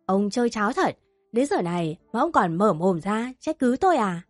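A woman's voice: mid-range voice, very animated, moderate pace, dry recording, clean studio sound, soft background music. A woman voicing a furious, scheming rich middle-aged mother who screams insults at those around her. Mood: shrill.

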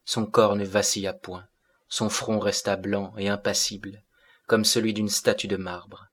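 A man narrating a classic novel as an audiobook in a measured way. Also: fairly low pitch, level tone, a bit bright.

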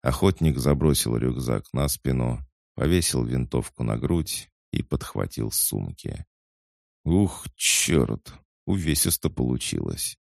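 A man narrating an audiobook in a steady, scripted reading. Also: extremely low pitch, slow, creaky, dry recording, clean studio sound.

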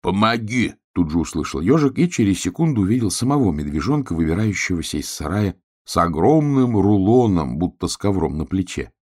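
Low husky male storyteller. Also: fairly quick, few pauses. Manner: expressive, lively storytelling. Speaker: narrator. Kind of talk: storybook narration.

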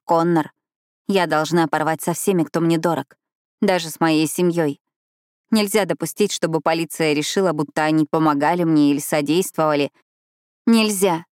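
A woman's voice: on the low side, a little mellow, no room sound, studio quality, close to an everyday voice. A woman voicing a firm, insistent young woman.

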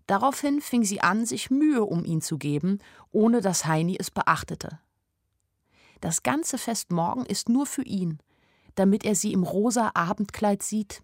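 Her voice mid-range and the recording dry, an actress narrates a radio play in the first person. Her character is a young woman in 1930s Germany, observant and plain-spoken, telling her own story intimately and without fuss.

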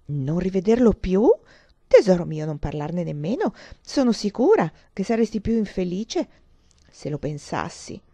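A gushing, gossipy young woman, voiced by a woman reader in a dramatized audiobook, effusive and theatrical. She confides and flatters in a warm, dark tone. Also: lowish voice, moderate pace. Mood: gushing, confiding.

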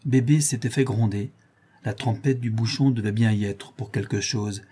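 A man narrating a novel aloud in a measured, expressive reading. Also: fairly low pitch, husky. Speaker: audiobook narrator.

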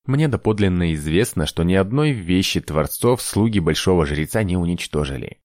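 A man voicing a fussy, nervous male craftsman in an audiobook, hurried and shrill when agitated. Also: animated, a little mellow, no echo, clean studio sound. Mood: conspiratorial. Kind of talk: audiobook character voice.

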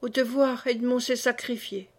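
A frail, dying old mother speaking her last words , as a woman reader voices her. Her voice is hushed and weak yet grave, sitting fairly high with a flat, even melody. It comes from a read-aloud historical novel. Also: normal speed, natural voice. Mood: grave, faint. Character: dying elderly mother-in-law, faint and solemn.

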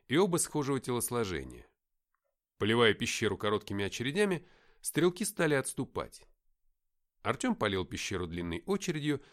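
A man reading a first-person audiobook in a lively, expressive way. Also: medium pitch. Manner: lively, expressive reading with loud acted dialogue. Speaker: audiobook narrator.

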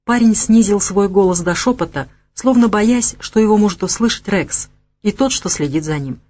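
A woman with a mid-range voice narrates an audiobook, reading from a script in a measured yet expressive way.

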